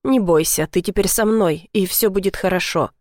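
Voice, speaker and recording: An obsessive, possessive male kidnapper who speaks with fervent, drawn-out insistence, as a woman narrator voices him. His voice sits at a middle pitch and sounds dry and close. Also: darkish tone, dry recording, lightly acted. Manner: fervent and possessive, slow in outbursts.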